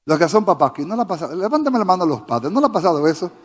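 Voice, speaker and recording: Male preacher, fairly high-pitched, fervent, quizzes the congregation; long church-hall reverb. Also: big pitch swings, rapid-fire. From Dominican Republic. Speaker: pastor. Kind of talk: sermon. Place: church sanctuary.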